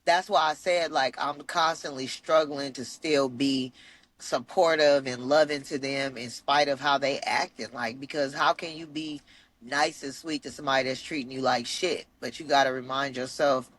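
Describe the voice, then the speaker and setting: A woman's voice: rumbling low, fairly even intonation, moderate pace. A woman co-hosting a podcast in casual chat, candid and venting, swearing freely. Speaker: podcast co-host.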